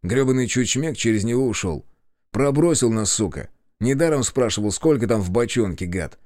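A man's voice: mid-range voice, animated, normal speed, darkish tone, dry recording, studio quality, lightly acted. A man voicing a coarse, hot-tempered grown man who barks orders in an audiobook. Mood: scornful. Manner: gruff, coarse, barking orders. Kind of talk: audiobook character voice.

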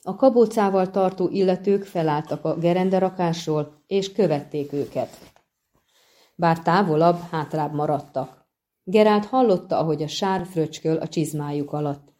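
A woman narrates a fantasy novel in a steady, measured way. Her voice is low and dark, mellow in tone. The delivery stays even across the prose. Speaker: audiobook narrator. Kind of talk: scripted narration.

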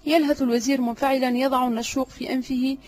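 A woman's voice: high-pitched, steady tone, fast talker, darkish tone. A woman narrating an audiobook drama reading, reading stage directions plainly.

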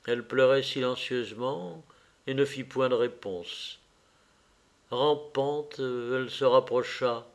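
A man narrating a classic novel as an audiobook reader, in a low-key dramatic way. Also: slow.

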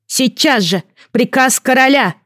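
A woman doing a shrill, hysterical boy king. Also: lively intonation, a little slow, no room sound, studio quality. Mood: commanding. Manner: shouting, sobbing commands.

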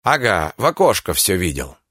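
A man's voice: low voice, sing-song, moderate pace, a bit bright, no echo, studio quality, voice pushed down, exaggerated voice. A man voicing a puzzled middle-aged male merchant who asks hesitant, bewildered questions.

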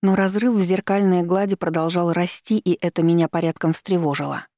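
A woman narrates an audiobook in first person with calm, even storytelling. Her voice is low and mellow. The recording is dry, with no room sound. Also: fairly quick, no room sound.

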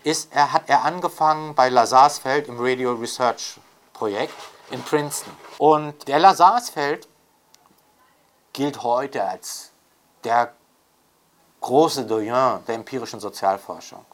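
An older man, interviewed as an author and scholar, speaks off the cuff in an unscripted intellectual conversation. He is reflective and emphatic, often adding rhetorical tags. His medium-pitched, fairly bright voice moves slowly.

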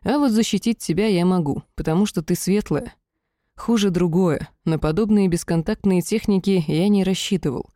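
A woman voices a tender male elf healer from a fantasy audiobook, speaking quietly and affectionately in a low, mellow tone. The sound is close and dry. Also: normal speed, no room sound, lightly acted. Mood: earnest. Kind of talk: audiobook character reading.

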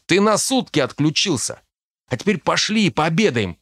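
Man voicing a loud, mocking teenage boy. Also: fairly high pitch, sing-song, moderate pace, no echo, clean studio sound, voice pushed up, heavily acted. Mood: teasing, impatient. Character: brash, crude teenage boy at a magic academy. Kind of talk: audiobook character voice.

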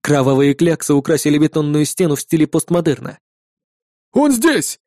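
A man reading first-person audiobook narration in a gruff, sardonic manner. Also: fairly high pitch, fairly even intonation, fast, dark tone, no echo, clean studio sound.

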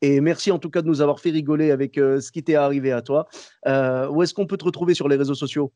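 A man's voice: on the high side, fast, dry recording. Man with a Moroccan-American accent hosting. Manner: relaxed, encouraging, sprinkles "tu vois". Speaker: podcast host. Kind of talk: casual interview chat.

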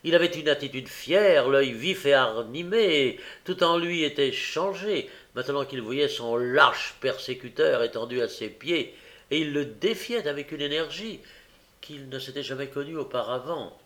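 A man reading a novel aloud as an audiobook, unhurried, with frequent hesitant fillers. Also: medium pitch, fairly bright tone. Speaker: audiobook reader.

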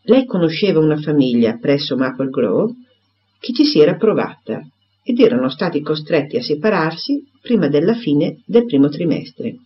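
A man narrating a classic novel as an audiobook, with expressive storytelling. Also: fairly high pitch, normal speed. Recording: dull lo-fi recording.

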